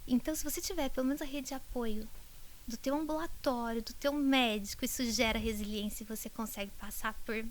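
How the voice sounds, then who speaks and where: A middle-aged woman doctor talks on a podcast in a rather high voice. She tells her stories with feeling, swinging from bright outbursts down to near whispers. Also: fairly quick, a little hiss or hum. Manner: emotional, animated storytelling that drops to a whisper. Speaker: doctor treating multiple sclerosis patients. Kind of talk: podcast interview storytelling.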